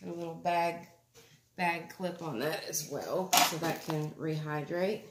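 This woman in her thirties has a low voice with fairly even intonation and talks a little slowly. She's a food reviewer vlogger chatting casually and tasting food at the table in her home dining room, unwrapping food as she addresses viewers and her son in a homey way. Echo and clear background noise fill the indoor recording.

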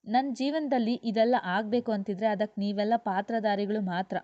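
A woman voicing a gentle, dignified young wife who speaks softly and calmly, in a dull lo-fi recording. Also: medium pitch, normal speed, no room sound, natural voice.

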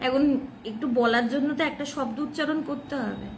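A woman's voice: high-pitched, fairly quick, a little hiss or hum, low-quality recording. A woman with a Bengali accent giving a devotional talk, earnest and explanatory, asking questions and answering them herself. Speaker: devotional speaker.

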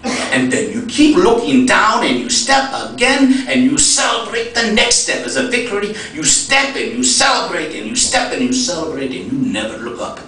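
A gentle, preachy Ethiopian friend, put on by a man with a lilting Ethiopian accent and a high, lively voice. He drags out his words slowly and with emphasis, like a little sermon. The sound bounces around a big echoey hall, picked up from afar. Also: slight background noise, heavily acted. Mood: preaching. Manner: slow, sing-song, emphatic. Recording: echoey hall, distant mic.

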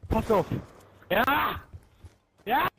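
A man raging and yelling during an online shooter match, swearing and taunting his opponents nonstop. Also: drawn-out words, noisy background. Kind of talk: screaming gaming rant.

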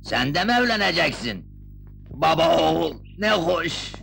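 Jovial village hero, gravelly, bright, slow, joking. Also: male voice, on the high side, big pitch swings, a little hiss or hum, exaggerated voice. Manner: joking, laughing, rhyming speech.

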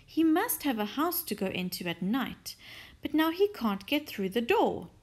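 A woman voicing an excitable, gushing lady who dotes on her pet, in a children's storybook, full of polite exclamations. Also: on the high side, a little slow, voice pushed up. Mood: anxious, questioning.

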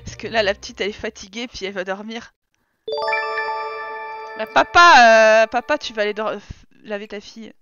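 A woman's voice: medium pitch, level tone, quick pace, few pauses, highs cut off, music in the background. A woman streamer chatting casually while playing a life-sim game, teasing her characters and reading her chat aloud. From France. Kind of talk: casual live-stream commentary.

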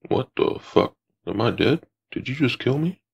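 A man voicing a blunt, grumbling old grandpa in an amateur cartoon, with a raspy grandpa voice. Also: medium pitch, lively intonation, moderate pace, lo-fi sound, full character voice. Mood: indignant. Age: older.

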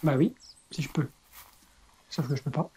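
A man's voice: a little high, steady tone, moderate pace, warm tone, slight background noise, low-quality recording. A man talking casually with a friend while playing and commenting on a game. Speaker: gaming video player and commentator. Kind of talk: casual gameplay chat with a friend.

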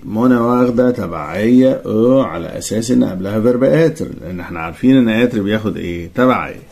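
A young man with an Egyptian Arabic accent teaches French grammar for an exam, his voice rising and falling a great deal as he talks. He reads the French sentences slowly and carefully, then moves into quick colloquial explanations. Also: mid-range voice, a little mellow. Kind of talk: exam-prep grammar lesson.

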